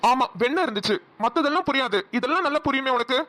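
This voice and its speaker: A woman's voice: high voice, expressive, fast talker, fairly bright tone. A woman voicing a young husband in a cartoon who teases and scolds his wife brusquely. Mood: teasing. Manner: teasing, brusque. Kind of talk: cartoon voice acting.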